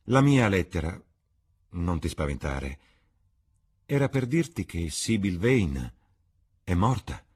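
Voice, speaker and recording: A man with a husky voice voicing a worldly, cynical gentleman in an audiobook reading, speaking gravely and coaxingly. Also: deep voice, very animated, takes it slowly, long pauses, full character voice. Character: worldly, cynical older gentleman, calm and persuasive.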